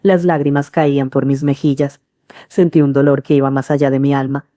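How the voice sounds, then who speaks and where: A middle-aged woman reads a first-person story in a calm, earnest manner. Her voice is low and dark-toned. The recording is close and dry. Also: a little fast, no room sound. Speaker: narrator. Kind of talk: scripted first-person narration.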